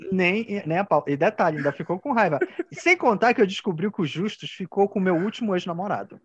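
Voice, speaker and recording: A man chatting on a podcast, telling a story animatedly and jumping into high excited tones. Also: fairly quick, slightly rough, no room sound, lo-fi sound. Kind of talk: casual storytelling chat.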